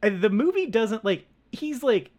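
A man's voice: high-pitched, sing-song, normal speed, a little mellow. A man co-hosting a film podcast, talking casually with lots of fillers and restarts. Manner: rambling, many fillers and restarts. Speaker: podcast co-host.

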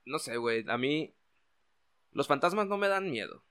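A man's voice: on the high side, lively intonation, moderate pace, pushed and bright, smooth. Explaining young Mexican man. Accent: Mexican Spanish. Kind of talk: casual chat.

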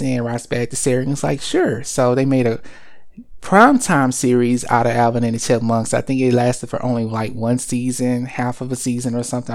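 A man's voice: mid-range voice, darkish tone. A man hosting a casual segment, talking in a rambling way with lots of fillers and self-corrections. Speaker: host of a cereal and cartoon segment.

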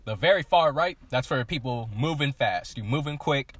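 A man co-hosting a casual podcast, explaining his points in a relaxed, lecturing way. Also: medium pitch, normal speed, husky. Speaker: podcast co-host.

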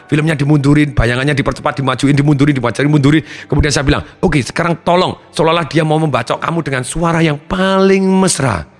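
A man who trains people in trauma therapy, telling a seminar audience about a patient's case in an animated way, acting out voices and counting aloud. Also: on the high side, quick pace, few pauses. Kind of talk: storytelling seminar talk.

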